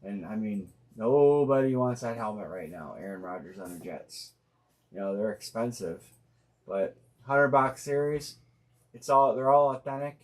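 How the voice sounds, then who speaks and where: Low-voiced man rambling on a live stream. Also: a little slow. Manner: rambling, thinking aloud with many fillers and restarts; plainspoken and blunt, uses slang. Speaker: host of a live sports card break stream. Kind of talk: casual live-stream chat.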